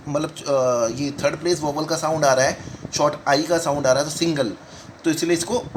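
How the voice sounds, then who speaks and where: A man teaching shorthand in a step-by-step lesson, repeating each word slowly as he writes it out. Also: on the high side, a little hiss or hum, low-quality recording. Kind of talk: step-by-step lesson talk in Hindi-English mix.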